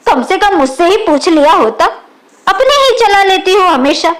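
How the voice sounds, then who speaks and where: A woman's voice: extremely high pitch, animated, moderate pace. A woman reading the lines of a clever young sister-in-law who complains sharply, in a storybook reading.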